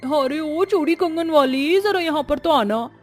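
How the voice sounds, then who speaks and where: A woman's voice: very high voice, big pitch swings, fairly quick, soft background music, pitched above the performer's own voice. A woman voicing a friendly village woman who calls out to a street vendor.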